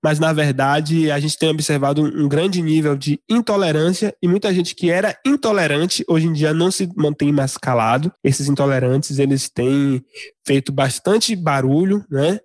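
A man's voice: fairly high pitch, normal speed, a little mellow, dry recording. Hesitant man with dry close sound. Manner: hesitant, many restarts and fillers; reflective, explanatory. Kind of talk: casual discussion.

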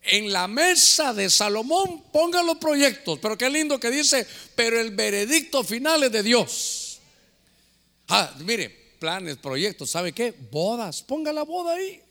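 A man preaching a sermon as pastor, with drawn-out, playful delivery. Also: very high-pitched, lively intonation, sharp tone. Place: church.

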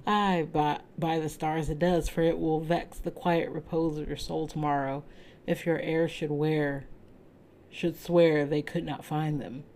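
A woman's voice: deep voice, steady tone, unhurried, darkish tone. A woman voicing a bold, teasing male adventurer who talks in a boastful, mocking way, read aloud from a storybook.

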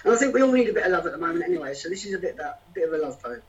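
A man's voice: high-pitched, big pitch swings, rapid-fire, slight background noise. A man, a spoken-word poet, performing rhythmic rhyming verse and chatting hesitantly with fillers between poems. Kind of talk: spoken-word poetry performance and casual chat. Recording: distant, dull lo-fi sound.

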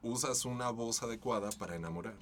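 A man's voice: medium pitch, quick pace, slight background noise. A middle-aged man from Mexico City with a Mexican Spanish accent, explaining his ideas reflectively in casual chat.

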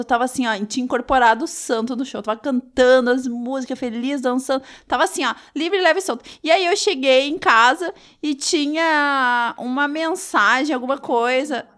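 A woman telling an animated anecdote in a casual podcast chat. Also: sits high, moderate pace, hardly any pauses.

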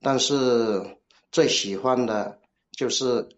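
A man's voice: medium pitch, slow pace. A man in his forties from Guangdong with a Cantonese accent in Mandarin, calling in for advice in casual, hesitant, roundabout phrasing. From Guangdong, China. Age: 40s. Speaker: call-in guest seeking advice. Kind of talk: casual chat. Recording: dull lo-fi call audio.

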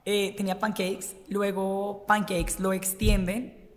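A woman, a radio host, chatting casually in an interview and talking very fast in an animated way. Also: mid-range voice. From Colombia. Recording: long room reverb.

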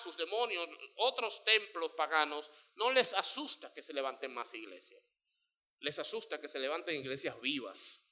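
A middle-aged male pastor preaching a sermon, animated and acting out little scenes in voices. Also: high-pitched.

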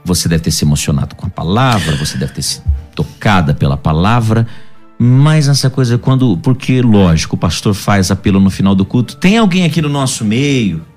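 A man's voice: sits low, lively intonation, fairly quick, a little mellow, soft background music. A man with a Brazilian accent hosting a casual interview, echoing and finishing his guest's sentences. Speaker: host.

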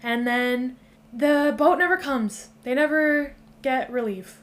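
A woman's voice: sits high, slow pace. Laid-back woman recapping a film. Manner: relaxed, swears freely, recaps a plot loosely. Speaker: podcast host. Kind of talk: casual chat.

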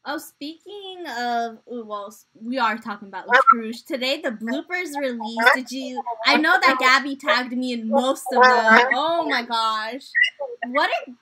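A young woman co-hosting a casual podcast chat about a TV series, agreeable and relaxed, often giving short replies. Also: sits high, a little slow, crowd noise. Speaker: podcast co-host.

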